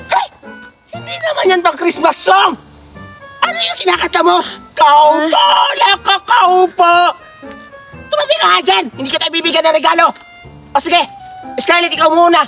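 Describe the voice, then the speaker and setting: A man putting on the voice of a bossy middle-aged woman who hands out gifts to children and scolds them loudly. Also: expressive, brisk, creaky, long pauses, faint music behind, heavily acted. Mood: scolding. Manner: scolding, shrill, theatrical.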